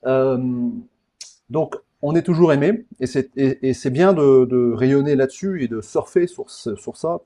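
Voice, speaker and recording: A Parisian man hosts a podcast in an easygoing interview style, blunt and prone to digressions, often repeating his words. His voice is medium in pitch, mellow, and unhurried.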